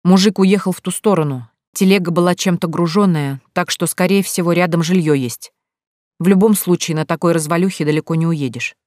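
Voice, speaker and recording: An audiobook narrator reading scripted narration in a steady, even storytelling manner. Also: medium pitch, fairly quick, no room sound, studio quality.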